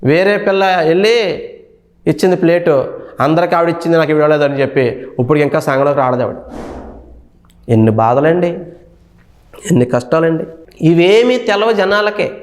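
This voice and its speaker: A man preaching as a pastor, building lists of repeated phrases and acting out quick snatches of his listeners' complaints. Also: on the high side. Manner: rhythmic repeated phrases, mimics congregants. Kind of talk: sermon.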